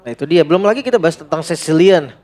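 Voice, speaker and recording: A man with an Indonesian accent giving animated analysis and commentary on an esports match. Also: a little high, rapid-fire, background noise. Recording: loud game music behind the voice. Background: loud music.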